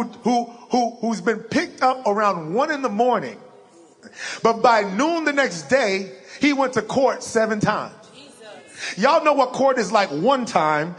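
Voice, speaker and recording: This clip features a young adult man with a low voice preaching, bringing a personal anecdote to life by performing the words he quotes.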